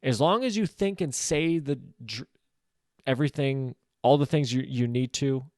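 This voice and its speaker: A man's voice: medium pitch, normal speed, darkish tone, no room sound. Man, podcast host, casual book talk, thinking aloud, lots of fillers, dry close sound. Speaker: podcast host discussing a novel. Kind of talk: casual solo book discussion.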